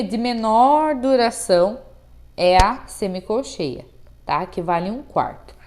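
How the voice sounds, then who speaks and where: Slow-paced Brazilian woman teaching rhythm. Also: fairly high pitch, a little mellow. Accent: Brazilian Portuguese. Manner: patient, repeats and checks with "tá?"; counts and chants rhythm syllables aloud. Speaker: music teacher. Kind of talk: explaining rhythm to students.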